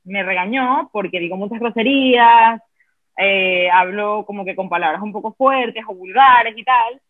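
A woman's voice: medium pitch, moderate pace, dry recording. Frank woman, phone-like podcast sound. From Venezuela. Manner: frank, rambling, full of fillers. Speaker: podcast host. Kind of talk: casual podcast chat.

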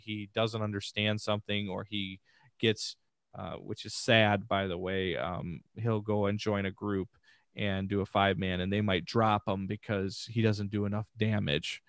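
A man's voice: on the low side, fairly bright tone, clear, resonant tone, no room sound. A man talking as a podcast guest, telling stories in an earnest, rambling way. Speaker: podcast guest, family streamer. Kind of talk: casual conversational interview.

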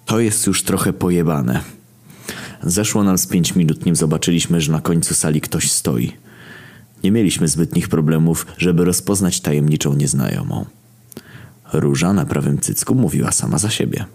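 Deep-voiced man reading a crude story. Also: moderate pace, creaky, mellow. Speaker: narrator.

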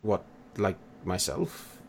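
A man's voice: sits low, very animated, slow, creaky, darkish tone, a little hiss or hum, heavily acted. A man doing a startled, stammering elf researcher. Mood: uneasy. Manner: stammering, incredulous. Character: wary, surprised male elf base researcher.

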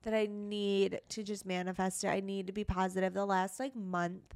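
Chatty young woman with a gravelly voice. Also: mid-range voice, level tone, moderate pace, darkish tone. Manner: chatty, lots of "like" fillers, swears casually. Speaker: podcast co-host. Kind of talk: casual chat. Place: podcast studio.

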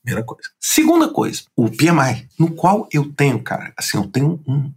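A man, telling stories as an interview guest in an animated way with lots of filler words. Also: on the high side, a little fast, breathy edge. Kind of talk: casual interview storytelling.

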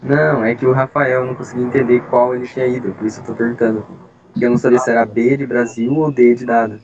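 A man's voice: medium pitch, steady tone, quick pace, crowd noise. A man, leading a study group and patiently explaining exam questions step by step over a video call. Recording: dull lo-fi call audio.

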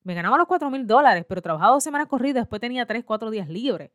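A woman's voice: fairly high pitch, racing, dry recording, studio quality. A woman in her forties with a Puerto Rican accent, a school librarian telling her own story to listeners and acting out both sides of her conversations. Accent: Puerto Rican Spanish. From Puerto Rico. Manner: lively, acts out both sides of her dialogues. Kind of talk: personal storytelling to an audience.

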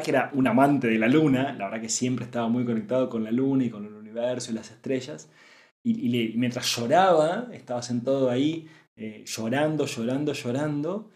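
A man's voice: medium pitch, a little mellow. Earnest Argentine man in an echoey room. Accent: Argentine Spanish. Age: 30s. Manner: earnest, searching, many fillers and asides. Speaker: spiritual podcast host. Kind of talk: reflective spiritual talk.

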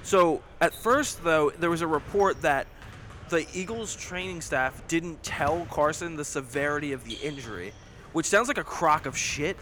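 A man co-hosting a casual sports podcast live in a high school gym, loose and joking, swearing freely. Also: expressive, moderate pace, fairly bright tone, a little hiss or hum. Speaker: podcast co-host.

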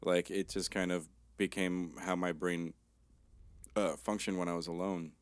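A man in his thirties with a rough, tired-sounding voice, chatting as a podcast co-host in a laid-back, joking way. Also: deep voice, level tone, unhurried, dry recording. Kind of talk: casual chat.

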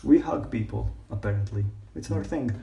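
A man's voice: fairly low pitch, animated, moderate pace, creaky, mellow. A man from Latvia chats casually and jokingly as a podcast guest, recorded in an echoing bathroom. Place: bathtub in a small bathroom. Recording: echoing bathroom, somewhat distant from mic.

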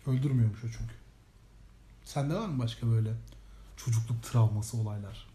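A young man co-hosting a podcast, telling childhood stories in a casual, animated way and swearing freely. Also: medium pitch, a little fast. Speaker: podcast co-host. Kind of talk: casual comedic chat.

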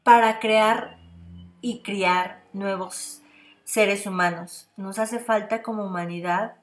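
A woman's voice: mid-range voice, fairly even intonation, slow. Woman, podcast host; earnest, direct-address parenting advice with repeated phrasing. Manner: earnest, speaks straight to the listener, repeats phrases for emphasis. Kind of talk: casual advice monologue.

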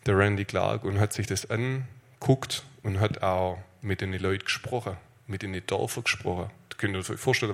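Male pastor, low-pitched, passionate sermon delivery with big swings in volume. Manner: passionate, rises to loud high calls then drops to quiet storytelling. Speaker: preacher.

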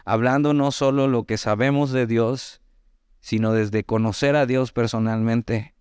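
Mexican man preaching, smooth dry voice. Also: mid-range voice, no room sound. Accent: Mexican Spanish. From Mexico, Veracruz. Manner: conversational, animated asides, reads scripture slowly. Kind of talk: sermon, Bible teaching.

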